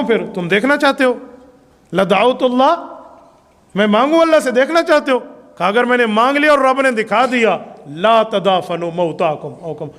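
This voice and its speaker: A high-pitched male preacher with a Pakistani Urdu accent delivers a sermon in a reverberant hall. He recites Arabic passages, then explains them with rising, emphatic force. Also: fairly bright tone. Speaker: Islamic preacher. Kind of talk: religious sermon.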